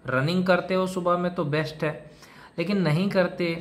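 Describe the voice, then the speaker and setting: Preachy man lecturing, slightly high voice. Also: fairly even intonation, normal speed. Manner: lecturing, repetitive, addresses listener as brother. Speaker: self-help video host. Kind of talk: direct-to-camera advice monologue.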